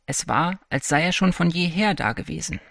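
A man reading a fairy tale aloud in a calm, even storytelling manner. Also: fairly high pitch, moderate pace, vocal fry, dry recording, clean studio sound. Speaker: narrator. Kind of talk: scripted fairy-tale narration.

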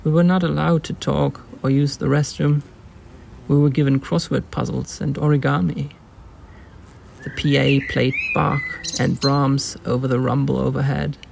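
Male reader, deadpan literary fiction, flat delivery, gravelly; noisy take with birdsong. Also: mid-range voice, moderate pace. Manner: deadpan, even reading. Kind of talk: reading literary fiction aloud. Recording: noisy recording with birdsong behind. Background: birds chirping.

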